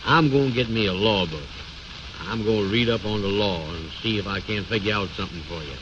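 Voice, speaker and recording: A muffled, noisy old radio recording carries a male actor as a pompous, blustering man. His voice sits low, and he talks in folksy, ungrammatical phrases, bossing like a self-appointed expert in a comedy serial. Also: fairly quick, lightly acted. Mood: bossy, evasive. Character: pompous, bossy, know-it-all man bluffing his friend. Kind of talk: 1930s-40s radio comedy acting.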